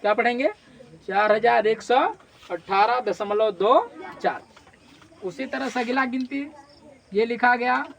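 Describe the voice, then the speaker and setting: कक्षा से सवाल पूछते शिक्षक. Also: male voice, very high voice, measured pace, vocal fry, pauses often, fairly bright tone. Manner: quizzes the class with repeated questions. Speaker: teacher. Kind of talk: classroom maths lesson. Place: classroom.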